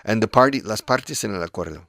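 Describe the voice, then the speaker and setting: Explaining English phrases patiently on air, this low-voiced teacher moves between two languages. He is expressive and fast, with a creaky, slightly bright voice and no room sound in the close, dry studio.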